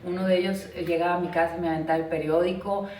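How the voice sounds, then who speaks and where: A woman's voice: fairly low pitch, fairly even intonation, very fast, a little mellow, a little hiss or hum. A middle-aged woman from Mexico being interviewed, chatting through family stories with lots of "este" and "pues" fillers. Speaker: interviewee, former party leader. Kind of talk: casual interview storytelling. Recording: roomy echo, speaker far from mic.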